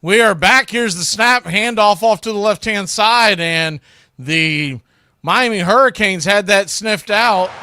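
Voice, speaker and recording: A man calls live football play-by-play as an announcer, his voice sitting high, unhurried, pushed, and bright. He speaks in clipped phrases that build on big plays. The live stream recording is clearly noisy.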